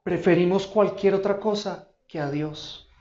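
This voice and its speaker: Male pastor, high voice, emphatic sermon delivery, recorded in a roomy church. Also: darkish tone, muffled recording. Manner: emphatic preaching with dramatic pauses and repeated questions. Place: church auditorium.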